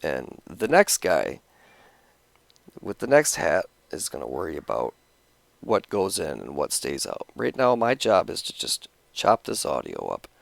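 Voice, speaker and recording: A man's voice: sits low, wildly swooping pitch, measured pace, vocal fry, no room sound. A man casually explaining how he edits his video, rambling and restarting his sentences with a cigarette in his mouth. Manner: rambling, self-interrupting, talking around a cigarette.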